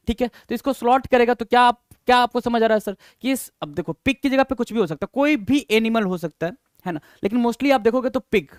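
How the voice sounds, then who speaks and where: Male vocab teacher, high voice, repeats words to drill them in. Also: no room sound, clean studio sound. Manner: repetitive, coaxing, addresses learners as sir and brother. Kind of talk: vocabulary lesson.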